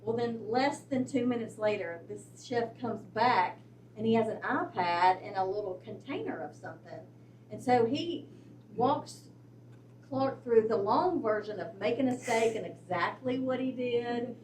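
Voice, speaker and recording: A woman's voice: a little high, animated, measured pace, a little mellow. A woman in her fifties telling a personal story in a hesitant way, with many fillers. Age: 50s. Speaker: class member sharing a story. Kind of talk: casual storytelling. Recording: echoey room, far from mic.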